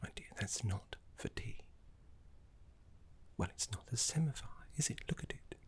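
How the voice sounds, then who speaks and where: A man with a lowish voice and lively intonation voices a polite, refined necromancy professor for an ASMR roleplay. Flustered and fussy, he talks softly and breathily in a formal manner, pausing for dramatic effect.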